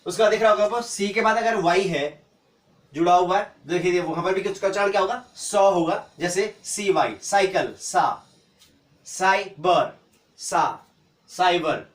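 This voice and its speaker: A man teaching an English pronunciation lesson, spelling out letters slowly and asking and answering his own questions. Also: high voice, distant mic. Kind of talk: classroom-style phonics lesson. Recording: echoey room, voice from off-mic.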